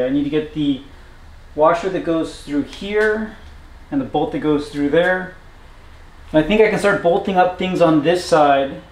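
Working on a motorcycle in his sweltering home garage, this vlogger narrates the task casually and plainly, with lots of pauses. His voice runs on the high side, the room echoes, and a fan hums faintly in the background.

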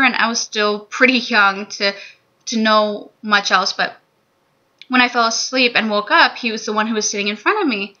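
A bright, forceful, slightly high voice belongs to a woman in her twenties giving a candid personal testimony as a vlogger, filmed in a small room. A webcam or laptop mic sits at desk distance, producing dull lo-fi sound.

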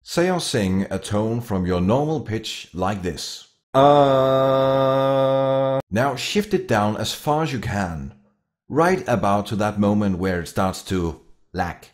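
A man's voice: on the low side, big pitch swings, measured pace. A man hosting an upbeat, step-by-step voice-acting tutorial. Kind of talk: instructional video.

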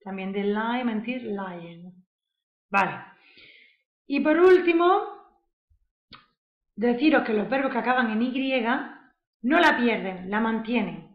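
Slow, patient woman teaching grammar. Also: on the high side. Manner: slow, patient explaining, often checks with "¿vale?". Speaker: English teacher. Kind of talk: grammar lesson. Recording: echoey room, slightly dull sound.

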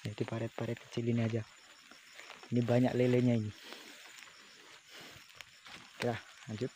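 A man's voice: mid-range voice, moderate pace. A man fishing outdoors and chatting casually to his viewers. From West Sumatra. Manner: relaxed, chatty, addressing viewers. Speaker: fishing vlogger. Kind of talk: casual outdoor vlog narration. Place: outdoors by rural ditches and streams. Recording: faint outdoor noise. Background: rain and crickets.

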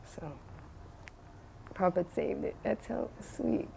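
An older woman telling a personal anecdote, earnest and halting, with restarts and bursts of excitement. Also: on the low side, creaky, a little hiss or hum. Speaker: devotee recalling a memory.

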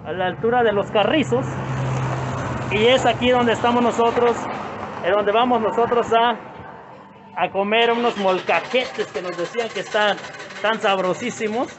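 A man's voice: extremely high pitch, highs cut off, background noise. A man with a Mexican accent narrating casually as he films around an open-air roadside restaurant, greeting people by name and repeating himself. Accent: Mexican Spanish. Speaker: vlogger showing a restaurant.

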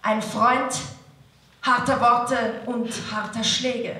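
A woman works as a boxing ring announcer, presenting fighters theatrically. Her voice is high and forceful, and she draws names out slowly. It rings with heavy echo through the hall. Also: fairly even intonation. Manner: dramatic, drawn-out name calls to the crowd. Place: boxing ring on a large indoor stage. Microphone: handheld microphone. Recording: very echoey PA in a hall.

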